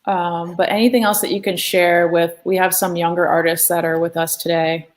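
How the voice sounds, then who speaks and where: A woman with a somewhat low voice hosts a live art lesson from her studio, chatting loosely, with plenty of filler words and asides. She talks casually and never reads from a script. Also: flat delivery, moderate pace, low-quality recording. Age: adult. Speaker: art class host.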